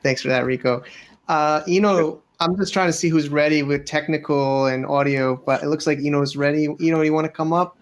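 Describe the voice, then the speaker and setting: A man's voice: on the high side, steady tone, a little fast, a little hiss or hum. A man hosting an online panel, upbeat and encouraging as he thanks speakers. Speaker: panel host. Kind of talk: casual hosting.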